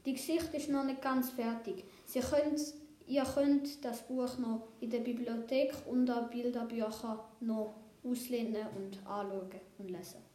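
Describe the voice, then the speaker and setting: A woman reads a children's picture book aloud, gentle and very unhurried. Her voice sits a bit high and the recording carries a noticeable room echo. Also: steady tone. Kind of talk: reading a children's story aloud.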